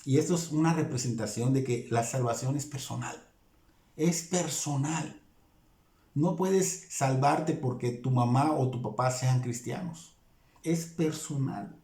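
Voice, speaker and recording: A man's voice: mid-range voice, unhurried, warm tone, echoey room. A man with a Mexican Spanish accent preaching a sermon in a church, impassioned and repeating phrases for emphasis. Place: church hall.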